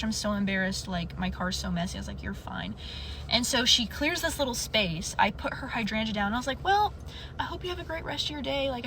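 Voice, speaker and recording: Bright-voiced young woman telling a story. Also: on the high side, a little hiss or hum. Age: young adult. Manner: animated retelling, acts out quotes. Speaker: storyteller in a clip. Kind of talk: casual storytelling.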